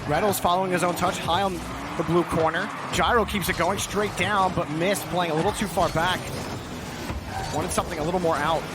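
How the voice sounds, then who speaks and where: A man's voice: high voice, steady tone, a little fast, very noisy. A man doing esports play-by-play commentary as a caster, calling the action in clipped phrases.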